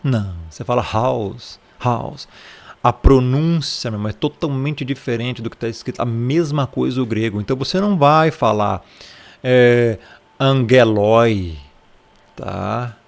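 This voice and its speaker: A man's voice: mid-range voice, normal speed, vocal fry. Chatty Brazilian man teaching the Bible. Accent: Brazilian Portuguese. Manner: chatty, keeps asking "tá?" and pointing at the text. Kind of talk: casual Bible study lesson.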